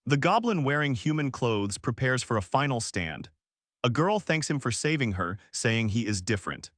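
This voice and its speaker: Lively male recap narrator, dry voice-over. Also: medium pitch, no room sound. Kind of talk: scripted narration.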